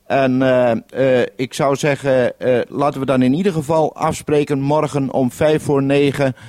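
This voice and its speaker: A 1971 radio broadcast captures a man on the mainland, a programme maker, relaying instructions step by step via two-way radio and closing turns with procedure words. His voice is mid-range and darkish, level in tone and moderately paced, with no room sound.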